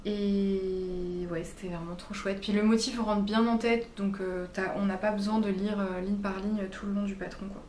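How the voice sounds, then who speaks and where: A woman talking through her knitting projects in a relaxed vlog, with many fillers and quick corrections. Her voice sits at an ordinary pitch and carries a clear room echo. A faint background hum stays underneath. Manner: chatty and hesitant, many fillers and self-corrections. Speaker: knitting vlogger. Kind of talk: casual vlog chat.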